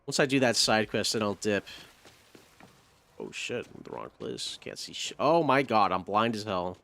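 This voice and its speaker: A man doing casual live gameplay commentary, talking to himself in slangy, profane language with excitable outbursts. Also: on the low side, normal speed, vocal fry. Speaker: game streamer. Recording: faint background noise.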